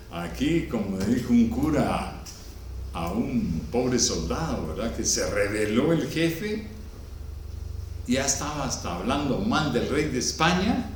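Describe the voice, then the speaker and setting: A man preaching a sermon with a Guatemalan Spanish accent, swinging from loud exclamations to quiet storytelling. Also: mid-range voice, distant mic. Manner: preachy, rises to loud exclamations then drops to soft storytelling. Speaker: pastor. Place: church hall. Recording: echoey room, speaker off-mic, faint background noise.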